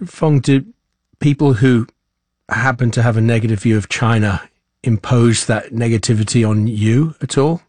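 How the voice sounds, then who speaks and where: A man hosting an interview, introducing guests and asking measured questions. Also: mid-range voice, a little mellow, dry recording. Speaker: interviewer, host. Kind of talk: broadcast interview.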